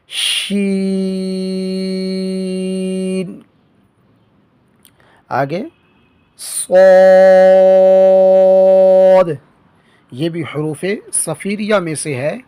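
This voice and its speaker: A man's voice: fairly high pitch, a little mellow, dry recording. Man, patient beginner lesson, stretched letter sounds, short explanations, dry sound. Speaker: Quran reading teacher.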